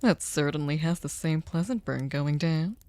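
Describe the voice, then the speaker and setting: A woman voicing a sadistic, possessive vampire hostess in an ASMR roleplay, silky, courtly and teasing, often slipping into breathy whispers. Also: low voice, normal speed, dark tone. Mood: teasing, menacing. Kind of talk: scripted ASMR roleplay, intimate dramatic monologue.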